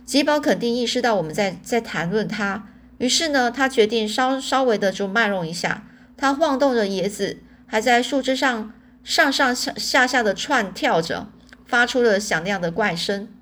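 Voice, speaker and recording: A woman narrating a storybook in the first person, animated, lifting her voice for quoted speech. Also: on the high side, moderate pace. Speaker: audiobook narrator.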